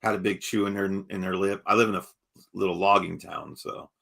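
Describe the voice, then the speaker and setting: A man's voice: deep voice, fairly even intonation, fairly quick, gravelly, a bit bright. A man hosting a casual horror podcast, talking in a jokey, rambling, self-mocking way. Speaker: podcast host.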